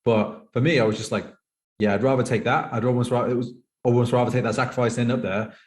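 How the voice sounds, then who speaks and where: A thirty-year-old British man with a mid-range voice speaks at a quick pace in a steady tone. He's a professional poker player appearing as a podcast guest, chatting casually and rambling through personal stories with plenty of "like".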